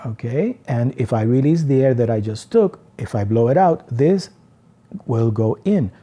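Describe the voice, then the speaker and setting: A man teaching singers about breathing, explaining slowly and counting out demonstrations. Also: medium pitch, lively intonation, warm tone, husky. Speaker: singing teacher. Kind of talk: vocal lesson.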